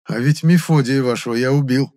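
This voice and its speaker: A man's voice: mid-range voice, a little fast, darkish tone, voice pushed up, natural voice. A man voicing a defiant young necromancer hero who taunts his captors. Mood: taunting. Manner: mocking, taunting.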